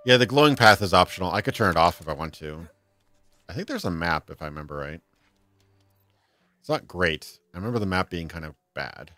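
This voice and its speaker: A man in his thirties plays a game on a livestream from a desk mic in a home room, laughing often, chatting, and reading chat aloud over faint game music. His low voice is bright and forceful with lively intonation, a little fast with frequent pauses, in a dry recording.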